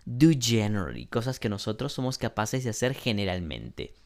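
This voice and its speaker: A man teaching an English class, explaining grammar slowly and deliberately and often clearing his throat. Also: fairly low pitch, sing-song, a little mellow. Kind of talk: online class lesson.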